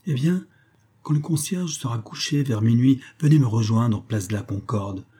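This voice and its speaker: Un homme lisant à voix haute incarne un jeune séducteur calculateur qui presse et persuade avec insistance. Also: male voice, mid-range voice, normal speed, mellow, breathy edge, close to an everyday voice. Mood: conspiratorial. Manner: insistent and coaxing.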